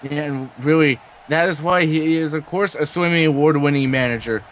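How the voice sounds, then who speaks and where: A man working as a wrestling commentator, giving excited play-by-play and drawing out his calls of big moves. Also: a little high, normal speed, slight background noise.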